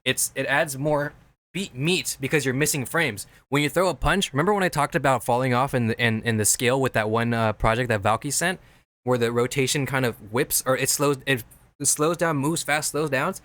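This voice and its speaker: On a stream, a man reviews viewers' edits and casually teaches video editing, explaining step by step while rambling and repeating himself. He speaks a little fast at medium pitch, with a slightly bright sound and no echo.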